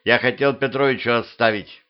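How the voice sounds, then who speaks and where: A man putting on a furry little male house spirit from a storybook, whiny and sly, with a mewing, pleading way of talking. The voice sits at an ordinary male pitch but is lifted and wheedling, and the homemade recording sounds a little dull. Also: fairly even intonation, fairly quick, smooth, close to an everyday voice. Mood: offended.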